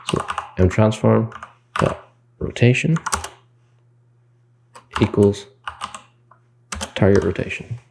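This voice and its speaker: A man's voice: deep voice, vocal fry, warm tone, a little hiss or hum. A man teaching game development in a screen-recorded coding tutorial. He explains the code step by step, thinks aloud and corrects himself mid-sentence.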